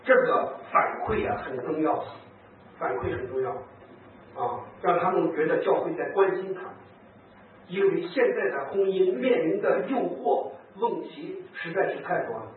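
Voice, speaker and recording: Animated priest, distant echoey hall. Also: male voice, sits high, unhurried, narrow, tinny audio, a little hiss or hum. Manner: animated storyteller, acts out quoted speech, chuckles. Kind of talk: lively talk with anecdotes to priests and nuns.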